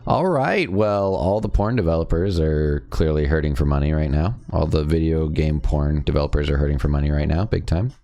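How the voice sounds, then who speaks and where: A young man hosting a live stream, rambling and chatting excitedly as he browses and reacts to game sale listings. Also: extremely low pitch, brisk, few pauses. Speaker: streamer host. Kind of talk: casual live-stream chat.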